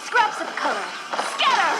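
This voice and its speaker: A woman's voice: very high-pitched, wildly swooping pitch, measured pace, bright, forceful tone, soft background music, full character voice, poor audio. A woman voicing a brash young female game fighter, heard as game audio played through a laptop speaker, with punchy battle callouts. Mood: taunting.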